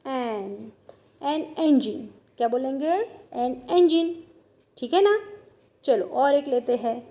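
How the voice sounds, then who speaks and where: A woman's voice: sits high, expressive, slow pace, warm tone. A woman teaching a grammar lesson, asking questions and answering them herself, repeating each point.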